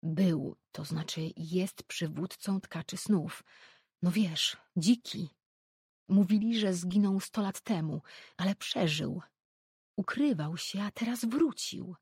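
A woman's voice: fairly low pitch, takes it slowly, darkish tone, husky, no echo, studio quality, heavily acted. A woman voicing a fretful, scolding old mother. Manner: urgent, scolding, insistent. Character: anxious grey-haired older mother, disapproving.

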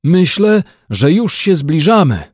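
A man's voice: mid-range voice, big pitch swings, unhurried, mellow, no room sound, clean studio sound. A man voicing a polite, eager young bear in an audiobook reading, earnest and a little naive. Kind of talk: audiobook character voice.

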